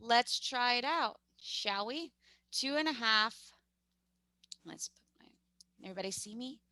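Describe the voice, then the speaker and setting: A woman's voice: a little high, expressive, measured pace, pushed and bright, no echo. A young woman with a New York accent teaching a math lesson over a video call, chatty and upbeat, often correcting herself.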